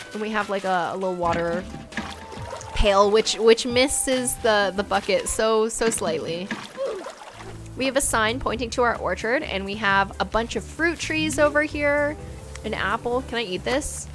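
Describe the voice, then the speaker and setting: A woman's voice: fairly high pitch, fairly bright tone. A young woman giving a casual, gushing tour commentary, full of "like" fillers. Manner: bubbly, gushing, frequent "like" fillers. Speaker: game island tour vlogger. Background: faint game music.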